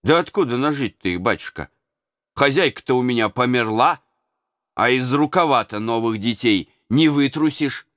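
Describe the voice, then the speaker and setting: A man's voice: medium pitch, animated, normal speed, fairly bright tone, no echo, studio quality, voice pushed up, natural voice. A man reading an audiobook and voicing a humble old male servant who talks in a plain, folksy, deferential way. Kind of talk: audiobook character voice.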